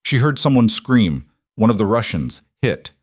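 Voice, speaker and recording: A male narrator with a fairly low voice reads a story in scripted narration. His delivery is even and measured. The recording is close and dry, with no room sound. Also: husky, dry recording.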